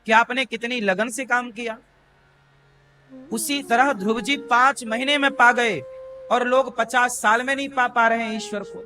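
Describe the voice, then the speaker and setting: A male spiritual preacher giving a devotional discourse to a live audience, folksy and often putting questions to the crowd. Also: sits high. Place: large devotional gathering.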